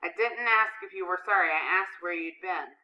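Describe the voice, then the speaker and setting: A woman reading the part of a sharp, no-nonsense schoolteacher who questions pupils briskly and sarcastically, on a dull recording. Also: lowish voice. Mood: stern.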